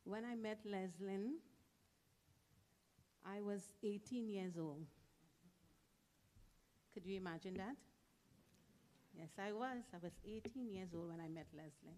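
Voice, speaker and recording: A middle-aged woman delivers a heartfelt eulogy at a memorial service. She speaks in short phrases and leans hard on the key words. Her voice sits at an ordinary middle pitch for a woman. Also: unhurried, pauses often, dark tone. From Trinidad. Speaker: church member giving a tribute.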